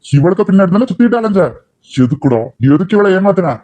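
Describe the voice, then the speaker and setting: A contemptuous middle-aged father, voiced by a man, scolds his son in a cartoon. His voice sits a little high with a mellow tone, and every line comes out harsh. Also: lively intonation, fast talker. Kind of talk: cartoon voice acting.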